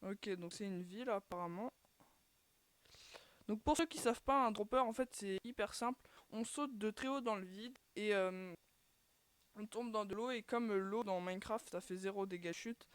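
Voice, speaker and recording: A woman's voice: medium pitch, smooth, dry recording. A woman hosting a gaming channel, chatting casually through her gameplay with lots of fillers and restarts, and groaning at each failed attempt. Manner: chatty, filler-heavy, keeps sighing "too bad" at failed attempts.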